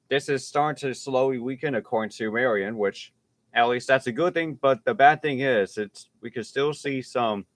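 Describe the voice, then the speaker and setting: Guy doing live storm coverage, radio-style updates, keeps restarting and repeating himself. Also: medium pitch. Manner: halting, repeats and restarts phrases. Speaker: amateur severe weather livestream host.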